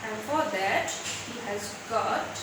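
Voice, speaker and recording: A woman's voice: mid-range voice, animated, unhurried. A woman teacher with a Bengali accent and Bengali as her native language, giving an English lesson, reading aloud and explaining word by word with questions and repeated key words. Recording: very echoey room, distant mic, loud noise.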